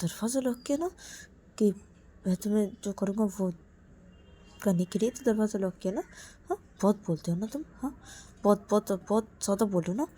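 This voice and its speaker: A woman voicing a hot-tempered young man who angrily refuses and threatens, in a repetitive, shouting manner. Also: medium pitch, brisk, slight background noise, natural voice. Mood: menacing.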